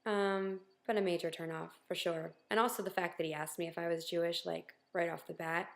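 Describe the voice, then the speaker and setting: A woman's voice: lowish voice, steady tone, brisk, vocal fry. A woman talking candidly to her viewers in a casual video diary, with lots of ums and wry self-deprecation. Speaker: vlogger.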